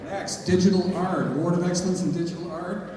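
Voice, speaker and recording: A man's voice: high voice, steady tone, fairly quick. A man hosting an awards ceremony at an art gallery, announcing categories and calling out to winners in the room. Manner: upbeat, calls out to winners in the room. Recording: echoey hall, distant mic, loud crowd.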